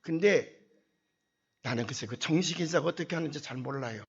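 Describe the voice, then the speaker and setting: Older man, pastor, sermon storytelling, animated, acts out voices, somewhat high pitch, dull recording. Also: a little fast, creaky, slightly rough. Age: 70s. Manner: animated, acts out dialogue, voice swells with indignation.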